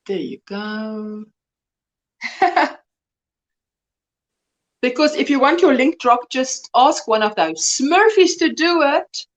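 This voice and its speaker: A woman in her early fifties hosts a live crochet chat, chatting casually with viewers and answering their comments as they arrive. Her voice sits a little high and swoops in very lively pitch. She laughs easily between remarks. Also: takes it slowly, pauses often, lo-fi sound. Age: 50s.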